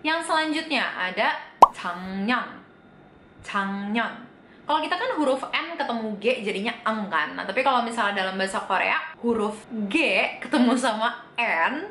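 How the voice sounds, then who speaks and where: A woman giving a casual video lesson on reading Korean, asking the viewer questions and repeating each word slowly. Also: a little high, sharp tone, echoey room, slight background noise. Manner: chatty, asks the viewer questions and answers them. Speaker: Korean language teacher.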